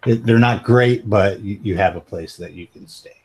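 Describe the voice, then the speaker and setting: A man's voice: lowish voice, moderate pace, darkish tone, a little hiss or hum. A man narrating as game master of a tabletop game, hesitant and full of fillers.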